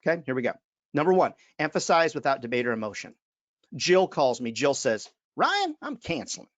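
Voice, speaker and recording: A man's voice: medium pitch, lively intonation, brisk, no echo. A man, giving an emphatic webinar talk as a sales trainer and calling his listeners friends. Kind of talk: webinar presentation.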